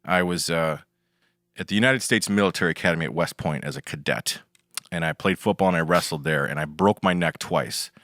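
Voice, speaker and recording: Low voiced guy in his 30s, laid back storyteller, dry close mic. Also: a little fast, dry recording. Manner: relaxed storyteller, with wry understatement and lots of fillers. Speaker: guest musician. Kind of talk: casual podcast interview.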